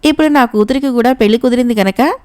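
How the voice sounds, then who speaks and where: A woman's voice: a little high, fast talker, a little mellow, clear, resonant tone, lightly acted. A woman reading as a shrewd middle-aged uncle. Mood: firm. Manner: questioning and firm.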